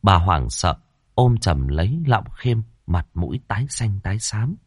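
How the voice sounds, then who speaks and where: A man narrating a ghost story in an expressive, dramatic storytelling manner. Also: deep voice, moderate pace, husky, no room sound, studio quality. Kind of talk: scripted horror story narration.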